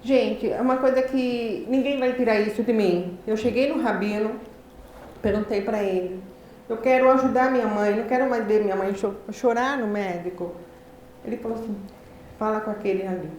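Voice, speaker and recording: A high-pitched Brazilian woman lecturing, her speech deliberate and carefully shaped, as if each sound took effort to learn. She tells her story with lively energy. Her voice rings through a very echoey hall with a faint hum of noise underneath. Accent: Brazilian Portuguese. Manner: deliberate, effortful articulation of a speaker who learned speech late. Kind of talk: personal storytelling talk.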